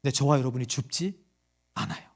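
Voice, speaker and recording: A man's voice: mid-range voice, lively intonation, a little fast, creaky. A male pastor preaching a sermon to his congregation, quizzing them with questions and acting out the voices in his stories. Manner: acts out quoted voices in a story.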